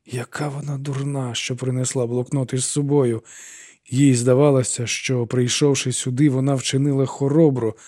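A man narrating an audiobook in an even, measured storytelling voice. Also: medium pitch, no room sound, studio quality.

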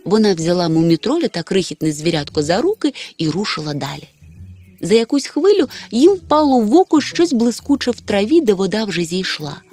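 Storybook narrator: woman, expressive, lively melodic pitch. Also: fairly quick. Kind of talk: storybook reading.

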